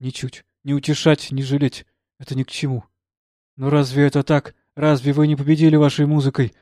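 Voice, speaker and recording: A man voicing a gentle young woman in an audiobook, speaking quietly and firmly to console. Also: fairly high pitch, completely flat delivery, fairly quick, no room sound, clean studio sound, close to an everyday voice. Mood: calm. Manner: quiet, firm, soothing. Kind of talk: audiobook character reading.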